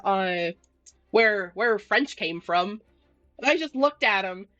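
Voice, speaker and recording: A young woman chats casually on a game stream, looping through fillers, restarts and little laughs. Her voice sits a little high and sounds dry and close to the mic. Faint game music plays underneath. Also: fairly bright tone, no echo, lo-fi sound. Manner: chatty storytelling, many fillers and restarts, laughs often. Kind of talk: casual rambling chat while gaming.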